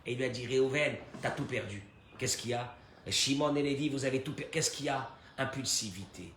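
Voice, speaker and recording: A man teaching a Torah lesson as a rabbi, animated, swinging from hushed to loud and acting out short dialogues. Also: mid-range voice, fairly quick. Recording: echoey room with faint noise.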